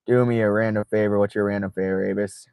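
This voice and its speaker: A man's voice: fairly low pitch, level tone, fast talker, creaky, a little mellow, clear, resonant tone, dry recording. A man hosting a casual late-night livestream from inside his car, reading viewer chat aloud, swearing freely and laughing often. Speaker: livestream host.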